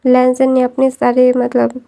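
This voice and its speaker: A hoarse woman casually retelling a fan fiction story, rambling with many fillers and restarts. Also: sits high, monotone, unhurried, dark tone.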